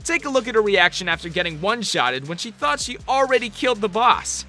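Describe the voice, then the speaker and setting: A man's voice: high voice, very animated, brisk, bright, forceful tone, faint music behind. A man reading scripted countdown narration for a video compilation in an upbeat delivery.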